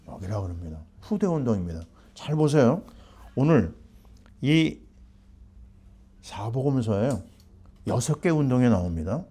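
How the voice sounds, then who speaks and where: A man's voice: mid-range voice, sing-song, measured pace, long pauses, warm tone, breathy edge. A middle-aged man preaching a sermon as pastor, asking the congregation questions and answering them himself.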